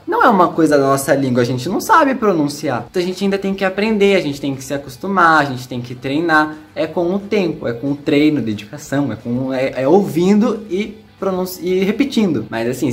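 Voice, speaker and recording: Chatty Brazilian teacher explaining pronunciation. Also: male voice, a little high. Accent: Brazilian Portuguese, São Paulo interior. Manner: chatty, explanatory, demonstrates sounds. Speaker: English teacher. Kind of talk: casual video lesson.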